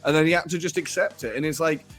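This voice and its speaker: A man co-hosting a football podcast, talking in an animated way, laughing and swearing now and then. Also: a little high, quick pace, soft background music. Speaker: podcast co-host. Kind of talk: casual football analysis.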